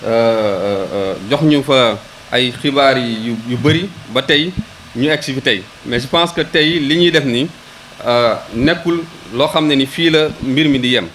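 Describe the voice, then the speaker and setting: A male local official with a Senegalese accent talks at a public ceremony in an unhurried, medium-pitched, slightly bright voice. His delivery is hesitant, with frequent repeated words as he looks for the next one, and he code-switches between Wolof and French. The rough recording carries slight background noise.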